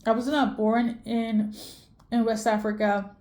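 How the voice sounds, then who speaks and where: A young Swedish woman gives a rambling spiritual tarot reading, filled with fillers, restarts and self-corrections. Her slightly high voice is soft and mellow, with little pitch movement and a measured pace.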